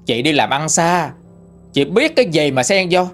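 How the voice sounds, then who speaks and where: A man's voice: on the high side, sing-song, normal speed, fairly bright tone, soft background music. A man voicing a rude, greedy young son who snaps at his mother. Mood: snapping. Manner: rough, snapping.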